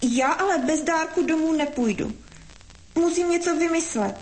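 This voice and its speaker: A small boy, cold and sad, pleads in a high, thin voice. A woman puts him on while reading a storybook, with a faint hum of noise underneath. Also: darkish tone. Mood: stubborn. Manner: tearful, pleading.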